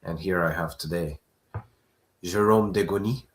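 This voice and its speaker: A man hosting a live question-and-answer stream, talking in a relaxed, conversational way. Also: deep voice, unhurried, slight background noise. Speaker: host.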